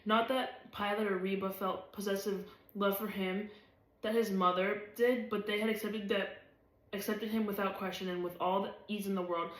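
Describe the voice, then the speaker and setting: A woman reading a novel aloud, steady and even. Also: mid-range voice, moderate pace. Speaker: reader. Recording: roomy echo.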